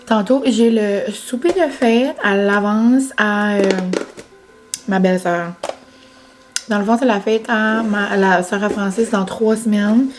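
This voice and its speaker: A woman's voice: medium pitch, slow pace, a little hiss or hum. A young woman chatting casually to her vlog audience, with many fillers and English words. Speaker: vlogger. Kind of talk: casual vlog chat to camera.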